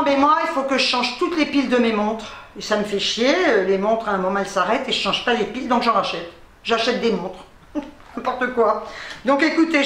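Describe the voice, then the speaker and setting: Chatty high-voiced woman, echoey room. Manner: chatty, swears freely, animated storytelling. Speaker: vlogger. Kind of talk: casual chat to camera.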